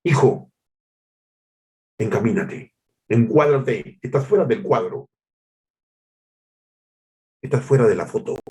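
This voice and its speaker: A male pastor voicing God as a patient father gently correcting his son during a sermon. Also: mid-range voice, lively intonation, slow pace, long pauses. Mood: fatherly.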